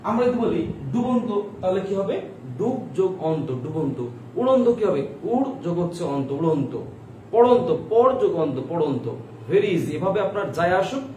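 A Bangladeshi man with a fairly high voice teaches a live grammar class, repeating questions and urging students to write their answers. He sounds a little distant from the mic, and the room around him is echoey. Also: dark tone, slight background noise. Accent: Bangladeshi Bengali.

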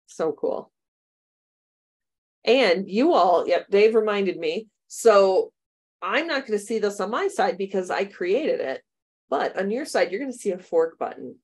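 This middle-aged woman from the United States is demonstrating a computer science workshop for teachers in a webinar, heard through a webcam on a video call. She sounds expressive and breathy in a mid-range voice, keeping a measured pace while chatting cheerfully and laughing often.

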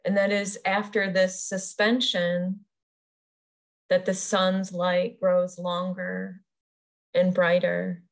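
A yoga nidra teacher guides a meditation in a soothing, unhurried way, leaving pauses between her short phrases. Her voice is lowish, gravelly, and monotone.

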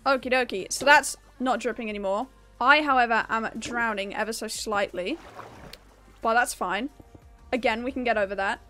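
A woman's voice: fairly high pitch, moderate pace, bright, forceful tone, soft background music. A young woman streaming a game, chatting casually and upbeat with her viewers and laughing often. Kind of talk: casual live-stream chat while gaming.

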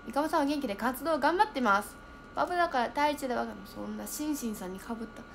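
Chatty young woman streamer, high voice. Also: fast talker, gravelly, slight background noise. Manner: chatty, lively, thinks aloud and reacts to comments. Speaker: idol livestreamer reading viewer comments. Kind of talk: casual livestream chat.

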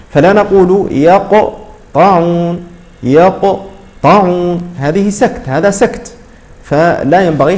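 A man teaching a tajweed lesson, explaining patiently and repeating words slowly to model their pronunciation. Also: on the high side, darkish tone. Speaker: Quran recitation teacher.

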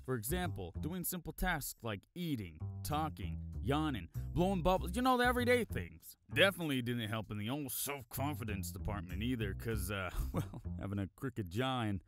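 A young adult man telling a comedic scripted personal story in an exaggerated, slangy way as a narrator. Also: mid-range voice. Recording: voice-over with background music. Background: music.

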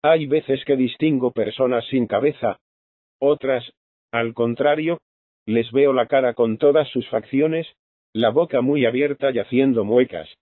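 A man voices a young gentlewoman worn down by fear, telling her fears in an anxious, confiding way. The audio is narrow and tinny, like a phone line, and bone dry. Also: mid-range voice, measured pace, dry recording, natural voice. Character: young frightened gentlewoman, nervous and fragile.

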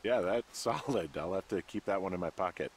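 A man's voice: low-pitched, animated, fairly quick, very noisy. An actor voicing a reserved man working as a fire lookout in a video game, with dry, understated replies. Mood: amused.

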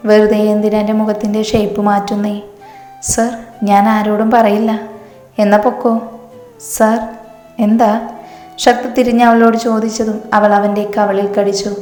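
A woman reading a romantic college story aloud and voicing every character in a steady tone. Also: medium pitch, reverberant. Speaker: story narrator.

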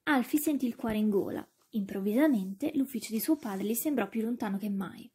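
A woman narrating a children's ghost story with measured, expressive pacing. Her voice sits fairly high for a woman but sounds mellow and soft, with a breathy, husky edge.

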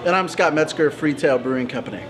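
Male co-host, chatty and keen, high voice, loud music and crowd behind. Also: fast, rough recording. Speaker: show co-host. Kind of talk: casual on-camera hosting.

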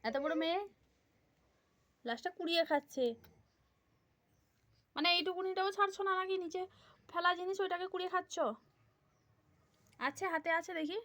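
A woman's voice: extremely high pitch, moderate pace, long pauses, sharp tone. A young woman, a mother, talks to her small daughter in a home vlog, using coaxing, soothing baby talk. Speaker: family vlogger, mother.

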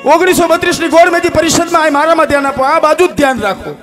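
Kathiawadi folk storyteller guy, super high strained voice, big dramatic delivery, music going behind him. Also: fast. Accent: Kathiawadi Gujarati. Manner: impassioned, declamatory, swings from hushed to shouting.

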